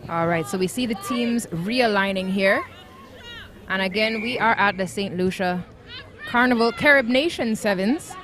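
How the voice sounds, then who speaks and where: A woman's voice: mid-range voice, moderate pace, a crowd in the background, noisy background. A woman commentating live on a rugby match at an outdoor ground, explaining the play in an upbeat way.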